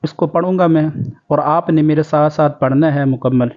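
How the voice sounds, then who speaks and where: A male Quran teacher from Pakistan giving a tajweed lesson, chanting verses slowly and then explaining the rules of pronunciation quickly. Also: a little high, fairly even intonation. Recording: dull lo-fi recording.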